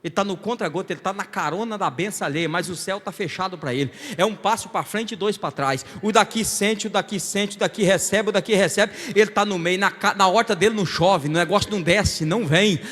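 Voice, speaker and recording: A male Brazilian guest preacher delivering a Pentecostal sermon, moving from quiet storytelling to shouted, rhythmic calls to the congregation. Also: high-pitched, brisk, hardly any pauses. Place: large church hall. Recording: long hall reverb.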